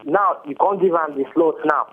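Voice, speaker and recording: A man's voice: a little high, big pitch swings, moderate pace, vocal fry. A man with a Nigerian accent speaking Nigerian Pidgin as a caller, giving his opinion conversationally. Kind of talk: conversational opinion on a call-in show. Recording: tinny, narrow phone line.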